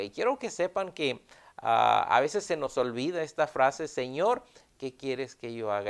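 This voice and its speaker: A male pastor preaching a sermon in an earnest tone, repeating key phrases and pausing with "ah". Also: on the high side, smooth.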